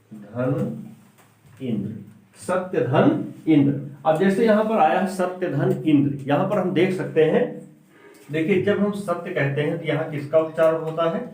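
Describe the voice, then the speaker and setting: A man teaching a grammar lesson, slowly asking each question and then answering it himself, dropping his voice on the key sounds. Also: warm tone. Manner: drags out and drops pitch on key sounds. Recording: echoey room, far from the mic.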